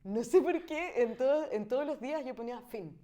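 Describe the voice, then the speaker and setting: A woman's voice: high voice, animated, brisk, warm tone. A woman in her thirties from Chile with a Chilean accent, a guest artist chatting casually in an interview, thinking aloud with many fillers and frequent laughs. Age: 30s.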